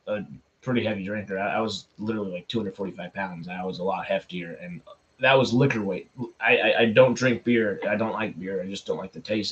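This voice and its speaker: A man with a fairly low voice hosts a casual livestream. He rambles in a halting, repetitive way and is easily amused. The sound is a little dull and lo-fi. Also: fairly bright tone. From Texas. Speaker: livestream host.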